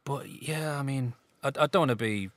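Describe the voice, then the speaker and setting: Bright-voiced man telling stories. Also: medium pitch, moderate pace, no room sound. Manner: rambling anecdotes with hesitations. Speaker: guest, former footballer. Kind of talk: casual chat.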